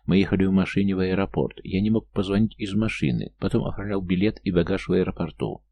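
A man's voice: low-pitched, fairly even intonation, fast, creaky, warm tone, pitched above the performer's own voice. A man voicing a desperate male investigator who pleads with a woman on the phone. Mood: pleading.

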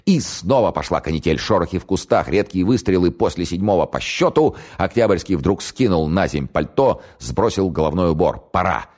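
A man narrating an audiobook with measured, dramatic storytelling. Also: sits low, expressive, darkish tone.

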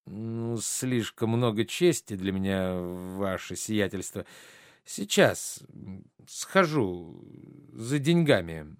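An eager, gullible bourgeois, as a man reading a play aloud puts him on, fawning toward a noble. The voice sits fairly low but swings lively in pitch. Dry, close sound. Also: slow pace, clean tone, no echo.

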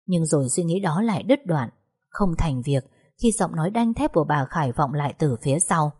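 A woman narrating a story in a steady way. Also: deep voice, fairly quick, slightly rough.

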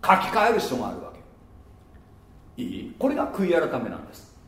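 A man preaching a sermon as pastor, lively and playful, slipping into muttered mocking asides. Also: fairly high pitch, a little fast, reverberant. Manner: lively, mutters mocking asides and laughs at his own jokes.

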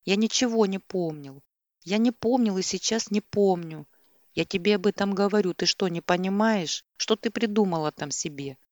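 In a clean studio audiobook recording with no echo, a woman voices a sleepy, irritated young man who answers dismissively and with exasperation. Her mid-range, darkish voice moves at a moderate pace, pitched above her own but close to everyday speech.

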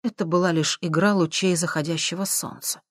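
A man narrating an audiobook in a steady, measured reading. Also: fairly high pitch, no room sound, clean studio sound. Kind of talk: scripted narration.

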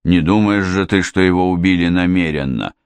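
Guy reading a grumpy shouty dad, deep gruff voice. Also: fairly quick, dry recording. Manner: gruff, snapping. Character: irritable, blustering middle-aged father.

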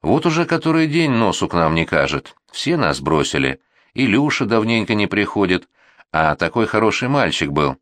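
A forsaken old woman murmurs her sorrows softly and plaintively, as a male narrator puts her on. The voice lifts high over a low base, recorded dry and close. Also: very animated, normal speed, no room sound. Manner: soft, plaintive. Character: lonely grieving old woman.

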